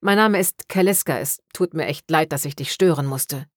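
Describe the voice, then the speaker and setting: Woman playing a soft, wry necromancer. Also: sits low, normal speed, no room sound, studio quality. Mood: gentle. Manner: soft, friendly, lightly teasing. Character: wry young woman necromancer, gentle and amused.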